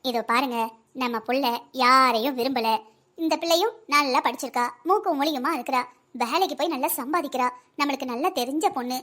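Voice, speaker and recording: A woman voicing a fussy older wife, high and quick. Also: bright, forceful tone. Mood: bossy. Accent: South Tamil Nadu. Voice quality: pleading, busy, bossy. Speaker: voice actor in a family cartoon. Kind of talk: cartoon family comedy acting.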